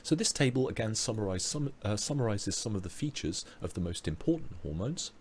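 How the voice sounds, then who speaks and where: British male tutor, hoarse, animated delivery, lots of fillers, webinar mic. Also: lowish voice, fairly quick, slight background noise. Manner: explanatory, with frequent fillers and restarts. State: losing his voice. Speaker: biology tutor. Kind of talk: online revision lecture.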